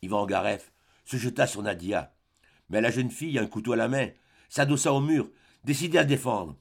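Gravelly male audiobook narrator. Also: mid-range voice. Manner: measured, dramatic.

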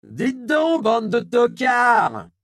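A man voicing a crude, fierce old woman who yells coarse slang at a crowd in a raspy but powerful voice, in a storybook reading. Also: very high-pitched, wildly swooping pitch, extremely slow, no echo, clean studio sound, faint music behind, voice pushed up, exaggerated voice. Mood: scornful yelling. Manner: foul-mouthed slangy yelling.

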